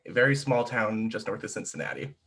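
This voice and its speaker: A man in his twenties from the US introducing himself as a game player, warm and polite. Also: lowish voice, a little fast, husky. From United States. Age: 20s.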